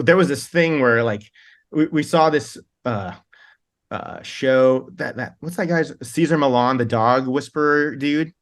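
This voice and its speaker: Rambling, laughing man telling band stories. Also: mid-range voice. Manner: rambling, laughs often, many restarts. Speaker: band singer, guest. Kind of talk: casual interview storytelling.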